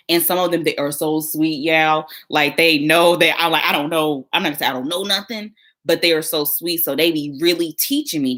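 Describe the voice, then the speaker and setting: A woman's voice: deep voice, a bit bright. A young woman, chatting casually on a livestream as a new surgical tech, talking straight to her viewers and laughing often.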